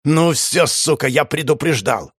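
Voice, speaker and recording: Guy reading as a raised-voice snarly thug, loud and cursing, audiobook. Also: fairly high pitch, animated, unhurried, husky, dry recording, clean studio sound, voice pushed up. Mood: angry. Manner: snarling, swearing. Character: hot-headed male thug, quick to explode.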